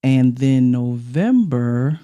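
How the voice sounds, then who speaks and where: A woman's voice: extremely low pitch, expressive, takes it slowly, dark tone, highs cut off. A middle-aged woman co-hosting a casual podcast chat in a studio, talkative and laughing often. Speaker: podcast co-host.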